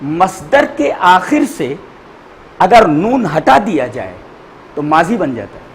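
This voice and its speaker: A man teaching a grammar class, repeating each word slowly and spelling out letters and vowel marks for his students. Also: sits high, wildly swooping pitch, a little hiss or hum, rough recording.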